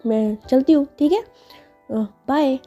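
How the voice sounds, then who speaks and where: A woman's voice: high voice, unhurried, warm tone, muffled recording. A woman voicing a young woman boss who is giddy and lovestruck, in a cheerful, teasing way, with faint music behind.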